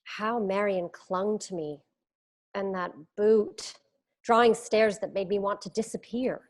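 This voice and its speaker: An actress playing a quiet, polite, wistful schoolteacher in a period drama screenplay reading. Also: female voice, mid-range voice, steady tone, unhurried, close to an everyday voice.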